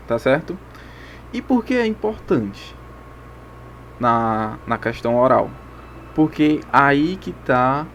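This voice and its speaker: A man's voice: medium pitch, a little hiss or hum. A male teacher with a Brazilian Portuguese accent gives a recorded video lesson, explaining step by step and often checking in with "ok?" and "tá certo?".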